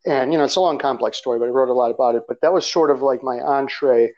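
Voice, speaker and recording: A Russian man, appearing as a guest author in a conversational interview, speaks quickly in a medium-pitched, darkish voice. He rambles loosely about his background, with fillers and small laughs, on slightly dull lo-fi audio.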